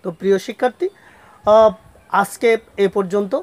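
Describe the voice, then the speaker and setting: A man's voice: sits high, fairly even intonation, no room sound. Male teacher, patient step-by-step pronunciation lesson, repeats and quizzes himself. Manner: slow, repetitive, asks and answers own questions; spells out letters one by one. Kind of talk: spoken grammar lesson.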